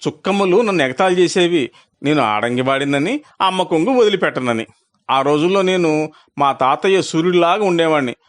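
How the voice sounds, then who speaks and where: A man's voice: on the high side, expressive, fairly quick. A man narrating a children's story in the first person, turning now and then to ask the listeners questions.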